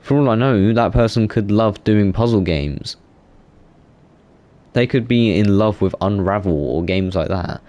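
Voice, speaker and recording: Very deep-voiced young man rambling. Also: unhurried, darkish tone. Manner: rambling, self-correcting, many fillers. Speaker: gaming YouTuber. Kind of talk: casual gaming monologue.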